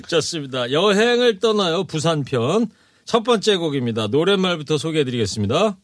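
Husky-voiced male radio host. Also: fairly high pitch, very animated, normal speed. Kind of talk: casual radio chat.

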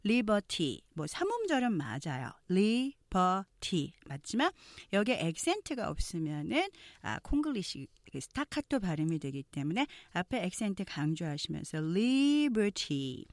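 A Korean woman teaching English pronunciation, explaining phrases and modelling them slowly. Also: lowish voice, wildly swooping pitch, no room sound, clean studio sound. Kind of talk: language lesson narration.

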